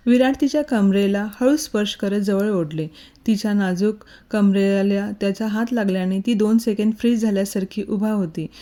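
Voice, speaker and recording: Mellow-voiced woman storyteller. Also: mid-range voice. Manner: calm, even storytelling. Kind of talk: scripted narration.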